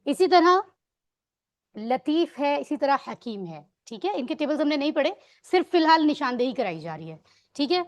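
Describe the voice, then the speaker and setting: High-pitched and sing-song, this woman leads an Arabic grammar class online. She quizzes students on vocabulary with patience, slipping English words into what she explains.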